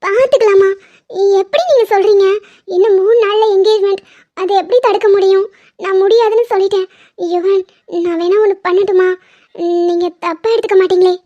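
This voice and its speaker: Cartoon lead: a woman doing a pleading, tearful college girl, very high, mellow tone, dull lo-fi sound. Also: steady tone, fairly quick. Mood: distressed. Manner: pleading, emotional. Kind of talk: cartoon drama dubbing. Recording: dull lo-fi audio.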